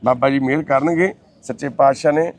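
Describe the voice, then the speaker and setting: In a medium-pitched voice with fairly even intonation, a social worker running his own channel consoles a family and speaks reassuringly to viewers like a father. Warm in manner, he addresses people as son and sister, and he chants a prayer slowly.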